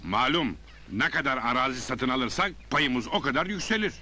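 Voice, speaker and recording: A scheming businessman boss in a film comedy. His mid-pitched voice is very bright and forceful, brisk and commanding, with lively swings. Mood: scheming, businesslike. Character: scheming businessman boss buying up village land. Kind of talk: Turkish film comedy acting.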